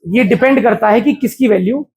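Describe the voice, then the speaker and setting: Teaching physics live, this man speaks briskly in an extremely high, slightly mellow voice. His style is casual and talkative, and he keeps firing questions at the class.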